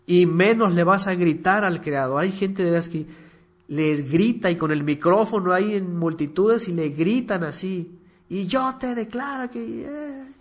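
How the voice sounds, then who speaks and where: A man preaching a sermon, emphatic and fond of mocking impressions of shouting preachers. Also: on the high side.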